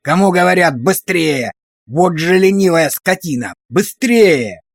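A man's voice: sits high, animated, a little slow, breathy edge, no room sound, clean studio sound, heavily acted. A man voicing a harsh, abusive drill sergeant who barks orders and insults at recruits. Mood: barking.

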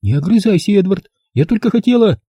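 A man's voice: high voice, very animated, fairly quick, mellow, husky, no echo, studio quality, voice pushed up, exaggerated voice. A man voicing a fussy, anxious middle-aged mother who nags her grown son in an audiobook. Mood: fretting. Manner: smothering, nagging. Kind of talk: audiobook character voice.

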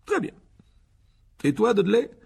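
A blustering middle-aged uncle barks orders in a high, swaggering storybook voice, put on by a man reading aloud. He sounds smug and bossy, with a husky, gravelly edge. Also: sing-song, slow pace, exaggerated voice. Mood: pompous. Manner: bossy, loud, self-satisfied.

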